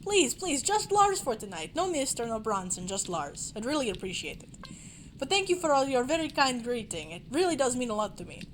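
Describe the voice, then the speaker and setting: A woman's voice: fairly high pitch, very animated, fairly quick, a little hiss or hum. A woman voicing a polite, modest male movie star in a put-on Russian accent. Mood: gracious. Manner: courteous, gracious.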